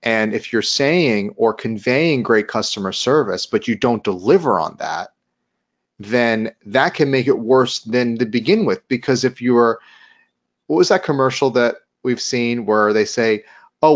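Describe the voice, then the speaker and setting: A man's voice: medium pitch, animated, unhurried. A man co-hosting a casual talk show, chatting loosely and acting out quoted lines as he tells stories. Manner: chatty, retells scenes with acted-out quotes. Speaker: podcast co-host. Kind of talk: casual conversation.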